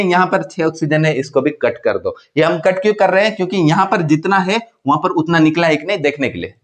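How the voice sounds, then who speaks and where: A man teaching a chemistry class, voice sitting a little high for a man. He keeps checking that his students follow. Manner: questioning, repeats checks for understanding. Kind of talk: classroom explanation.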